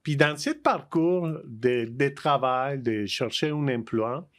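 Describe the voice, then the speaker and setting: A man's voice: medium pitch, lively intonation, slow. Spanish-accented man, hesitant speech. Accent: Mexican Spanish. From Mexico. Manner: hesitant, many fillers and restarts. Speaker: guest. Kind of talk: casual interview conversation.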